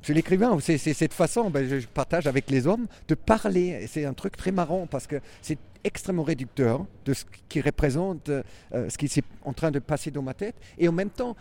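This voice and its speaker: A man with a German accent, a circus performer answering interview questions in a halting, reflective way with many restarts. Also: on the high side, warm tone.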